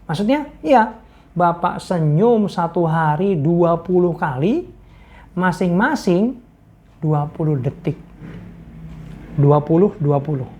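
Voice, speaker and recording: A woman's voice: fairly low pitch, expressive, slow, long pauses, warm tone, muffled recording. Woman playing a reassuring folk healer man. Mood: explaining. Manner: reassuring, persuasive. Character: confident male traditional healer, reassuring.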